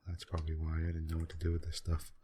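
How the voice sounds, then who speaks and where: A man quietly talking through a computer game in a soft-spoken ASMR style, musing aloud at an unhurried pace with many pauses. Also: extremely low pitch, monotone, slight background noise. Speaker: gaming channel host.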